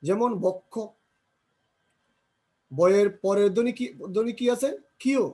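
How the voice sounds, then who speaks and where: Slowly drilling pronunciation, a man repeats example words in a grammar lesson and answers questions he poses himself. His voice is high and dark-toned.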